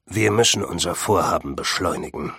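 Man doing a sinister sith lord for a storybook, cold and commanding, lower and husky, odd dark timbre. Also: normal speed, no room sound, clean studio sound, heavily acted.

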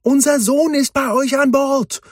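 A man's voice: high-pitched, animated, fairly quick, warm tone, slightly rough, no room sound, studio quality, voice pushed up. A man voicing a reassuring farmer wife who flies a plane, calling out in a raised voice.

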